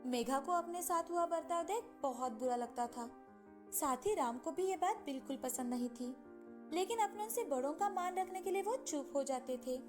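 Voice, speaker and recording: High-voiced woman narrating a cartoon tale. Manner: voices every female figure herself.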